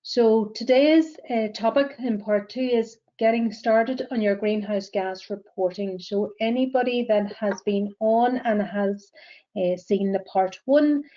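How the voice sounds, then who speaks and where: Presenting a webinar in her role as a greenhouse gas verifier, a Northern Irish woman speaks with a measured delivery, often saying um and uh. Her mid-range, dark-toned voice comes through with a lo-fi sound.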